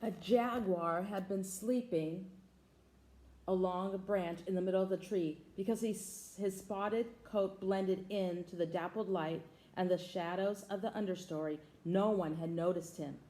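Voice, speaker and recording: A woman's voice: mid-range voice, steady tone, unhurried, mellow, reverberant, poor audio. A woman reading a picture book aloud to children, stopping to ask her listeners questions. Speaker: storybook reader.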